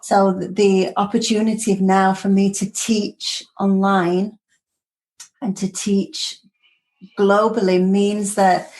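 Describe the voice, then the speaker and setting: A woman's voice: medium pitch, poor audio. A woman, a yoga teacher, chatting enthusiastically as a guest on a podcast in long, flowing sentences. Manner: enthusiastic, gushing, talks in flowing run-on sentences. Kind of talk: casual podcast chat.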